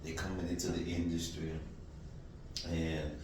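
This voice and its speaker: A man in his forties from Florida, hosting a casual interview in an easygoing, slangy way with drawn-out fillers. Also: low voice, little pitch movement. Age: 40s. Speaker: host. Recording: echoey room, distant mic, faint noise.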